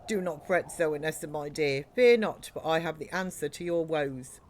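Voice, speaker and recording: A woman's voice: sits low, normal speed, a little mellow, a little hiss or hum, close to an everyday voice. A woman voicing a pompous, genial king who gives flowery advice in game dialogue. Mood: jolly, pompous. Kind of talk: game dialogue read aloud.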